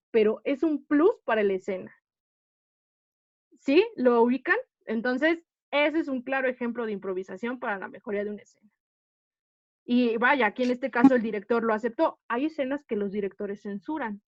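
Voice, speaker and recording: Woman, acting teacher, slightly high voice, dull dry lo-fi sound. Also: no echo. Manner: explanatory, checks in with students often. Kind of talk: online class lecture.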